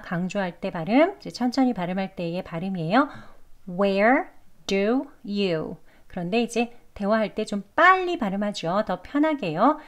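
Woman, pronunciation teacher, explains step by step, repeats example phrases. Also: medium pitch. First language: Korean. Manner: explains slowly, models English phrases and repeats them many times. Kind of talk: pronunciation lesson.

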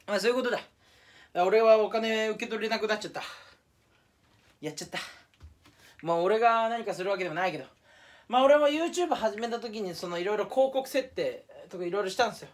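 A man's voice: sits high, lively intonation, fast talker, pauses often. A young man talking casually to camera in a solo vlog, rambling and self-mocking, slipping into mock Kansai dialect for fun. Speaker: YouTuber.

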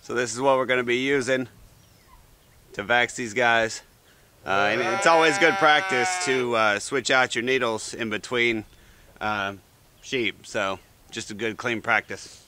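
A man's voice: medium pitch, measured pace, sharp tone. A man, explaining farm chores in a loose, casual way with lots of fillers, recorded outdoors on a camera. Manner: folksy, loose, with many fillers. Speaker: farmer vlogger. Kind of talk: casual how-to talk. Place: outdoor sheep pen on a farm. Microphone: handheld or body camera. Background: sheep bleating.

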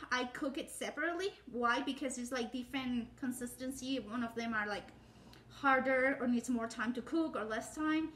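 Chatty woman, high voice. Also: fairly bright tone, slight background noise. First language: Spanish. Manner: chatty and rambling, with many fillers and self-corrections. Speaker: home cooking channel host. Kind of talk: casual cooking demonstration. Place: home kitchen, indoors. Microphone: phone or camera set up on the counter, framed from the waist up.

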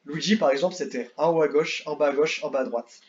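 Rambling young French gamer, lo-fi mic. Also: male voice, fairly high pitch, quick pace. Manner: rambling, repeats words, excitable bursts. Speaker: gaming youtuber. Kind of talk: casual tier-list commentary.

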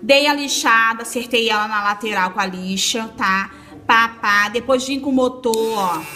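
A woman's voice: fairly high pitch, normal speed, bright, forceful tone. A woman from Brazil giving a casual, hands-on nail tutorial, chatty and reassuring with her viewers, recorded on a phone at a salon table. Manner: chatty, reassuring, addresses viewers as girls and friends. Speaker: nail technician instructor. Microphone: phone camera.

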